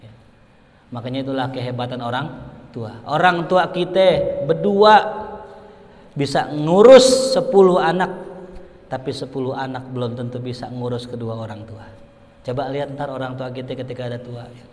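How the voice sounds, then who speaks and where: A man from Indonesia, giving a storytelling sermon as a preacher that rises into loud, excited passages. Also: medium pitch, normal speed, pauses often. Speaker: Islamic preacher. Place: mosque hall. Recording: reverberant hall.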